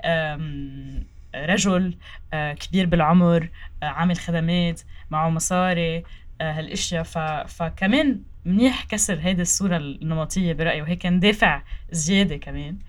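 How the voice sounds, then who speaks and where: A woman's voice: on the low side, a little fast. A young woman with a Lebanese Arabic accent gives conversational interview answers, phrasing hesitantly and dropping in French words. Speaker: political candidate.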